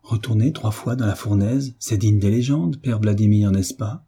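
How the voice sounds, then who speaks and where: A man voicing an enthusiastic eighteen-year-old son who talks eagerly and warmly in an audiobook reading. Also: fairly low pitch, moderate pace, husky. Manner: eager, animated.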